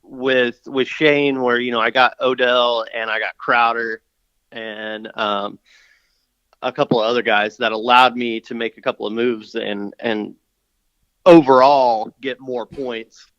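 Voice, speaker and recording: Male caller on a muffled phone line, tunnel-like sound, bright and clean voice. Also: medium pitch, steady tone, unhurried, clean tone, no echo. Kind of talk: casual phone chat.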